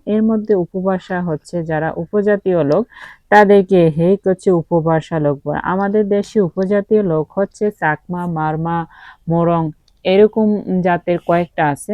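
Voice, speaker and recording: A woman's voice: on the low side, warm tone, no room sound, highs cut off. A woman from Comilla, Bangladesh, teaching a grammar lesson. She often asks a question and then answers it herself, with many fillers along the way.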